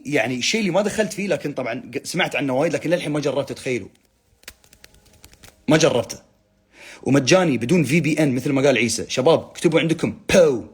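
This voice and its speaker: Young guy hosting a phone live, husky voice, very lively pitch; teasing, reads comments aloud. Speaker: livestream host. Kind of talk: casual live chat reading comments.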